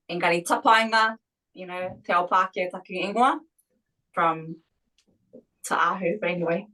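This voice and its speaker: Bright-voiced Māori New Zealand woman. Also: mid-range voice, poor audio. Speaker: participant explaining family lineage. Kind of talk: casual bilingual explanation.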